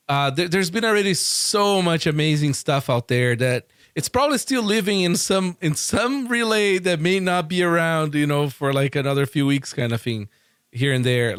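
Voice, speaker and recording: A man from Brazil, hosting a casual tech podcast, enthusiastic and quick to laugh. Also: fairly high pitch, expressive, fairly bright tone, smooth, no room sound, clean studio sound. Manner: enthusiastic, laughs often, repeats words. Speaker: podcast host.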